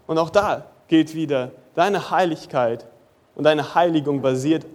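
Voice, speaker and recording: A young man preaching a sermon in a casual, youthful way, dropping in English slang and moving between lively bursts and soft, slow passages. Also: fairly high pitch. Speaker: pastor.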